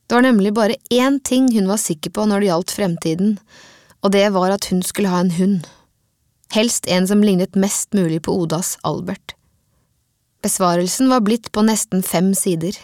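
Narrator: woman, measured audiobook reading of a children's book, mid pitch, dry close sound. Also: darkish tone, dry recording. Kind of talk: scripted narration of a children's novel.

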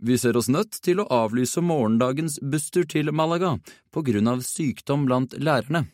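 A man's voice: mid-range voice, a little mellow, no room sound, studio quality, voice pushed up, lightly acted. A man voicing a stiff, weary school inspector who speaks formally with careful pronunciation.

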